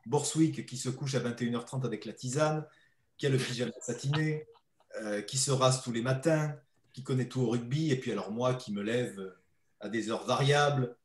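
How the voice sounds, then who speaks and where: A man's voice: medium pitch, moderate pace. A man with a southern French accent, a co-author teasing his partner while presenting a book at a public talk. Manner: teasing, animated storyteller. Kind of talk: playful talk at a book event. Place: talk venue with audience. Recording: roomy echo.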